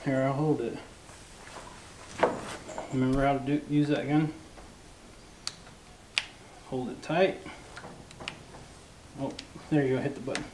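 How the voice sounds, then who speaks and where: Calm man coaching a boy in a barn. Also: mid-range voice, a little slow, long pauses. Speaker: farmer teaching a boy carpentry. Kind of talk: patient step-by-step instruction. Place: large metal barn, indoors. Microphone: camera mic, varying distance. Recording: noisy barn, drill sounds.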